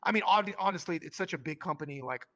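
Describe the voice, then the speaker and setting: A man, a company co-founder, telling a story in a casual interview, animated and full of fillers. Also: on the high side, fast talker. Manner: animated, acts out quoted voices, lots of fillers.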